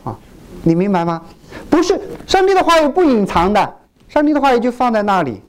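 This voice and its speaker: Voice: medium pitch, brisk. A pastor from China preaching a sermon, asking the congregation questions and acting out what churchgoers say. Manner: animated, asks the congregation questions and acts out quoted churchgoers.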